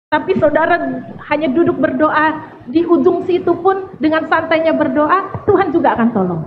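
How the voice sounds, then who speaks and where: A woman preaching at a church service, talking in a lively, conversational way and asking the congregation questions. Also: high voice, phone-quality sound, a little hiss or hum. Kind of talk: sermon.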